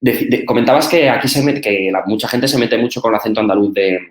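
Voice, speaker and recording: Brief: male co-host, quick and insistent, lowish voice, political commentary, echoing room. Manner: rapid, insistent, repeats points. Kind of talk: political commentary talk show.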